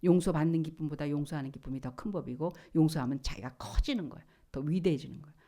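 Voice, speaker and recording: Middle-aged woman, pastor, sermon, dramatic storytelling with shouts and whispers, lowish pitch, mellow tone. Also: quick pace. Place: church.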